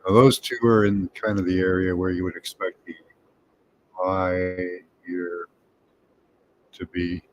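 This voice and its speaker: Deep-voiced man musing aloud. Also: flat delivery. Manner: thinking aloud, tentative, with pauses and hums. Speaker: remote viewing presenter. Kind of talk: musing commentary over images.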